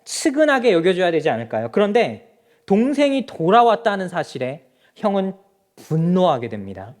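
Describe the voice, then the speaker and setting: High, animated male pastor preaching. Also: moderate pace. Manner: preaching directly to the congregation, asking rhetorical questions. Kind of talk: sermon. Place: church sanctuary.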